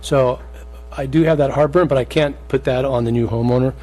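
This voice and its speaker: A man speaking as a commissioner at a public meeting, plain-spoken and informal as he deliberates. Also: medium pitch, steady tone, darkish tone. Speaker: planning commissioner.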